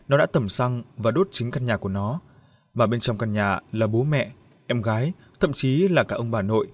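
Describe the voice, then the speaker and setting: A man reading a grim family tragedy aloud as an audiobook narrator, steady and grave. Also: medium pitch.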